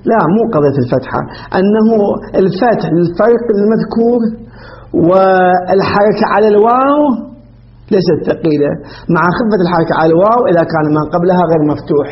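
A man with a high-pitched voice teaches a grammar class. He poses questions to the room and answers them himself. The recording is dull and lo-fi, with a faint hiss behind him. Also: lively intonation, fast talker.

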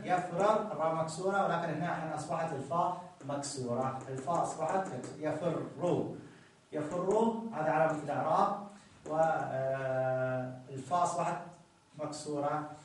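A man teaching a grammar lesson, explaining slowly and repeating each form while checking that students follow. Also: on the high side, far from the mic. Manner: slow, repetitive explaining with frequent checks. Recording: echoey room, voice from off-mic.

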